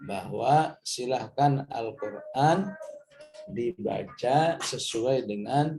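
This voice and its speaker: A middle-aged man from Indonesia gives a Quran study lesson in an unhurried, mellow voice. He explains patiently, checks in often with "ya" and chants Arabic verses slowly and carefully. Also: mid-range voice, vocal fry, soft background music. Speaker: Quran teacher.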